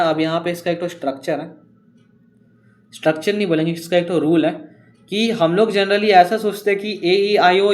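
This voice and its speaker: A man teaching an exam-prep grammar lesson, explaining step by step and reading examples slowly. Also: fairly high pitch.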